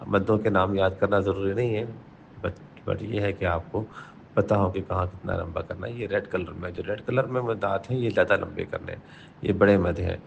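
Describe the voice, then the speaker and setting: Male Quran teacher, brisk explanations between slow chanted verses, low gravelly voice. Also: steady tone, muffled recording, a little hiss or hum. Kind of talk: tajweed lesson with chanted recitation.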